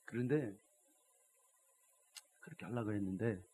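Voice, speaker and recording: A man preaching a Sunday sermon in church as pastor, telling stories and swinging from hushed asides to loud exhortation, often prompting the congregation. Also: on the low side, measured pace, slightly rough. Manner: keeps addressing the congregation with rhetorical prompts.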